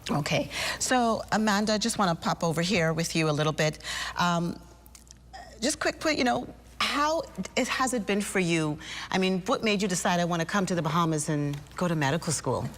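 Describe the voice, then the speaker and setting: A woman's voice: lowish voice, animated, normal speed. Chatty woman interviewer, echoey room. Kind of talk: casual interview questions. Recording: roomy hall echo, faint background noise.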